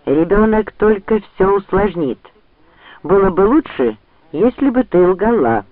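A man's voice: sits high, sing-song, unhurried, no room sound, voice pushed up. Guy doing a smug scheming noble, sneering, tinny dry audio. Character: scheming arrogant young nobleman, mocking. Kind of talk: audiobook character reading. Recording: dry, tinny phone-like sound.

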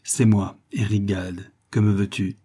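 Guy reading doing a big mean fisherman, gruff, snarls threats, husky and dark. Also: fairly low pitch, level tone, measured pace. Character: brutal giant male fisherman, menacing. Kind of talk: audiobook reading.

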